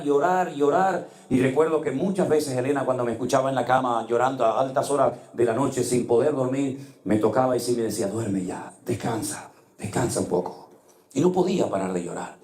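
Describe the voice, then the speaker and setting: Man preaching a sermon in an echoey hall. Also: a little high. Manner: impassioned storytelling, dropping to hushed tones. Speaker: pastor. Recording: echoey room.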